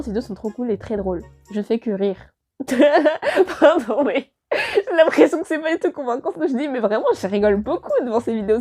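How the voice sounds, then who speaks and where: A young woman talks fast through a casual year-in-review vlog, gushing about what she loved and cutting herself off mid-sentence. Her voice sits a little high but sounds mellow and dark. Soft music plays quietly underneath. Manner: gushing, rambling, self-interrupting. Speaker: vlogger.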